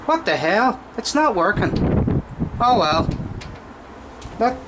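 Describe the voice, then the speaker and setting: A man's voice: high voice, sing-song, takes it slowly. A man filming with a handheld phone at a train station, narrating an elevator ride and plainly listing its details. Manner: matter-of-fact, lists elevator details. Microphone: handheld phone camera. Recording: noisy station ambience, passing trains.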